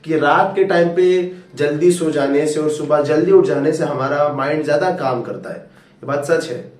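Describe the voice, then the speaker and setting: A man's voice: on the high side, moderate pace, a little mellow. A male tutor giving a coaxing, fatherly motivational talk to students, calling them "beta". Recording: roomy echo, far from mic.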